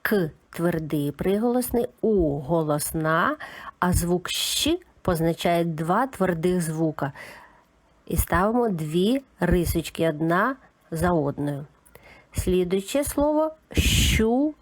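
A woman giving a calm, methodical lesson for young children, naming each sound of a word one by one. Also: fairly low pitch, takes it slowly. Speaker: teacher. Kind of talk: slow, patient children's literacy lesson.

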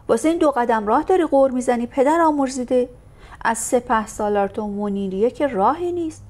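Woman doing a sharp-tongued scolding old lady. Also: a little high, vocal fry, pitched above the performer's own voice. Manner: scolding, bossy.

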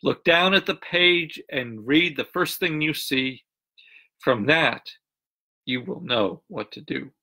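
A man voicing a pastor in a joke, giving instructions in a steady, teaching way. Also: medium pitch, takes it slowly, vocal fry, full character voice. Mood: instructive. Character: calm advising male pastor.

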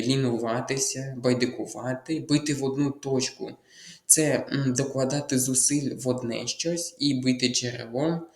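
A man's voice: mid-range voice, roomy sound. A man tutoring, explaining test answers step by step, thinking aloud with fillers and restarts and repeating key words. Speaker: Ukrainian language tutor.

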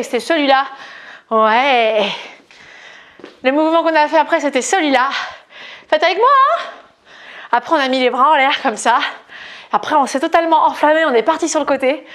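A woman leading a cardio workout class, cheering on her viewers with quick cues, jokes and counting, a little breathy as she moves along. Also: high-pitched. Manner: upbeat coaching, chatty asides and counting. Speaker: fitness coach.

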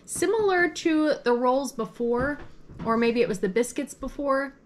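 A woman's voice: high-pitched, lively intonation, measured pace, slight background noise. Chatty woman taste-testing food. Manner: chatty, describes flavors and textures in detail. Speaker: food blogger recreating vintage recipes. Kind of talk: casual taste-testing commentary.

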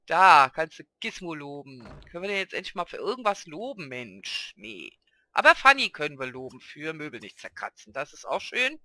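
A man's voice: on the high side, sing-song, normal speed, pushed and bright, no room sound. A man hosting a casual Let's Play, chatting and talking fondly to the characters on screen. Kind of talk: casual gameplay commentary.

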